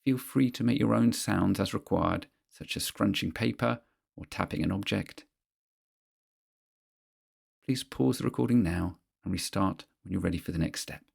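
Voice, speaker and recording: A man with a low, heavily creaky voice leads a guided mindfulness exercise. His delivery is husky and measured, with pauses between short instructional phrases. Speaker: guide of a therapeutic grounding exercise.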